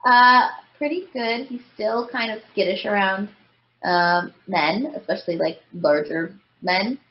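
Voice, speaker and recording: A woman's voice: mid-range voice, measured pace. A woman in her thirties, a voice actress as the guest, talking casually and often filling with "like" and "you know". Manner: chatty, frequent "like" and "you know" fillers. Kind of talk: casual interview chat. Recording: roomy, slightly dull podcast audio.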